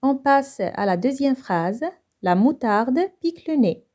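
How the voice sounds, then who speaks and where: Moroccan lady teacher going over grammar, fairly high voice, soft mellow tone. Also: expressive. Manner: repeats each French point in Moroccan Arabic, quick in Arabic, slow and careful in French. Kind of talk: grammar lesson explaining exercises.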